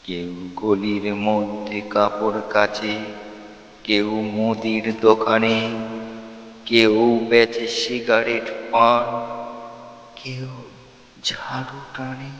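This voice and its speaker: Slow-reciting man in an echoey room. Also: fairly low pitch, monotone, fairly bright tone. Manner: slow, measured recitation with a recurring refrain. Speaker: poet reciting his own poem. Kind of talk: Bengali poetry recitation. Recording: echoey room with long reverb and faint music.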